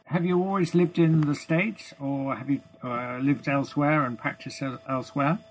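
A man's voice: on the high side, steady tone, moderate pace, poor audio. A British man interviewing a guest, asking long questions with many ums and repeated words.

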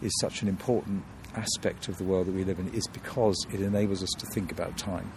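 A man's voice: low-pitched, steady tone, fast, background noise. A man from London, a guest in an interview, talking thoughtfully with many restarts and fillers.

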